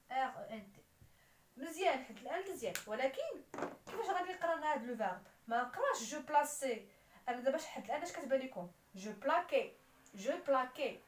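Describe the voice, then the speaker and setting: A woman with a Moroccan accent explaining French grammar as a teacher, spelling out letters and verb endings. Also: sits high. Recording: roomy echo, voice somewhat far from the mic.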